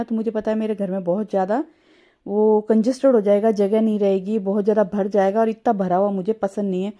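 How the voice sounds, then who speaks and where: Mellow-voiced Indian woman chatting at home. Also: mid-range voice. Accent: Hindi, Rajasthani. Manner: chatty, talks to viewers while doing chores; whispering so her sleeping husband is not woken. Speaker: vlogger. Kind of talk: casual home vlog chat. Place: her home, indoors.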